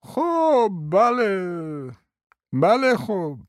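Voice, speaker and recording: A frail, forgetful old prince, put on by a male narrator, drawling and mumbling, his voice lifted well above the reader's own and sliding up and down. The words come slowly and often trail off into confusion. The recording is close and dry. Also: high voice, sing-song, dry recording, pitched above the performer's own voice. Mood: mumbling, muddled. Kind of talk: audiobook character voice.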